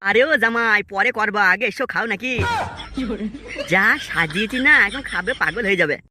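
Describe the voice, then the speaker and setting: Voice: mid-range voice, moderate pace, noisy background, close to an everyday voice. A performer voicing a sly, coaxing village schemer in a comic cartoon, wheedling. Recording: music behind the voice.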